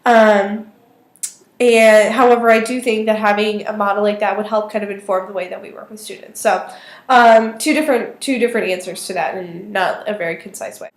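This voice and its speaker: A woman's voice: medium pitch, steady tone, moderate pace. A woman in her twenties with a weak, thin voice, talking casually and tentatively as she thinks aloud in a video response. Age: 20s. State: weak voice today. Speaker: student vlogger. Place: small indoor office or study. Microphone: webcam or laptop microphone at arm's length. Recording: roomy, echoey webcam sound.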